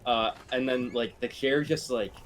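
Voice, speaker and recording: A man's voice: mid-range voice, fairly even intonation, a little slow, slight background noise. Casual man describing his character's moves. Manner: laughing, loose casual talk. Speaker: player. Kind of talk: casual tabletop role-play.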